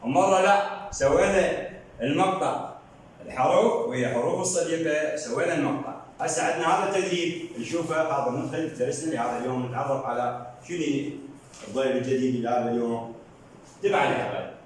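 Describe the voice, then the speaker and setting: A man's voice: mid-range voice, fast, slight background noise. Iraqi male teacher, patient sing-song drilling, distant mic in a very reverberant classroom. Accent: Iraqi Arabic. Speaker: primary school teacher. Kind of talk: early reading lesson for children. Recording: very echoey room, voice from far off.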